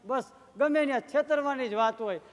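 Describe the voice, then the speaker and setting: A folk humorist on stage tells comic stories at a live dayro show, lively and acting out the quoted dialogue. His voice is very high-pitched and a little fast, ringing through a large hall.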